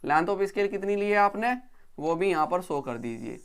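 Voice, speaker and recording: A man's voice: high-pitched, animated, fairly bright tone, smooth. Repetitive step-by-step male teacher. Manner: repeats each step, checks understanding; counts slowly while drawing. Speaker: engineering drawing teacher. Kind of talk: recorded video lecture.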